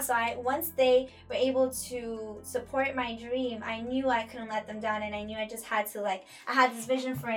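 A woman's voice: a little high, a bit bright. A woman in her thirties, born in Ecuador, founder of a music school, telling her story in an earnest way with many fillers and restarts. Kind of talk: casual interview.

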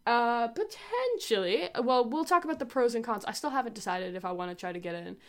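A woman's voice: on the high side, animated, a little fast. A teenage girl hosting a casual advice chat, rambling and chatty with lots of fillers. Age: teens. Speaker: host.

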